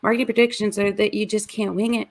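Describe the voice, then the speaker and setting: A woman co-hosting a casual video-call chat, talkative and quick to laugh, with rambling asides. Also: medium pitch, level tone. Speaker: podcast co-host.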